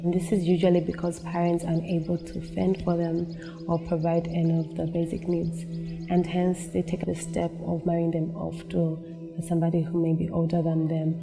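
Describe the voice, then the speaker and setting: A young woman narrates a documentary, earnest and measured. Her voice sits low with a gravelly fry and stays level in pitch, while clear music plays underneath. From Zambia. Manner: earnest, measured personal testimony. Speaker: narrator, women's advocate. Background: film score music.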